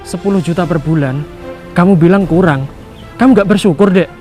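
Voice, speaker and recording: A man's voice: high voice, fairly quick, darkish tone, faint music behind, natural voice. A man playing a wronged husband just back from work abroad, who pretends to be blind and reproaches his wife and her family in a pleading, indignant way. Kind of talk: amateur skit acting.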